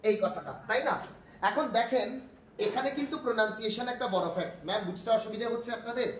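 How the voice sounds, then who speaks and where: Heard from a distance in an echoey room with faint noise, a fast-talking man with a very high-pitched, slightly bright voice and a Bangladeshi accent leads a grammar class, patiently asking questions and going over his points again.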